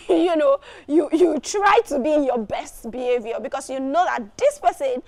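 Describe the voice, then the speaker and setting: A woman teacher walks through an exam preparation lesson. Her voice sits high, and she talks slowly, circling back to repeat phrases as she explains. She leans on small fillers between points. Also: lively intonation, darkish tone.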